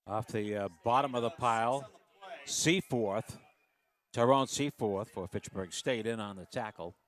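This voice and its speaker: A man's voice: lowish voice, unhurried. Folksy male football color commentator. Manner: loose, folksy analysis with frequent fillers.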